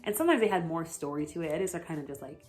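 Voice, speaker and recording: A woman's voice: low-pitched, expressive, very fast, a little mellow. A young American woman chatting casually in a vlog, rambling and gushing with lots of fillers and giggles. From United States. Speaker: vlogger. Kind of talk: casual chat.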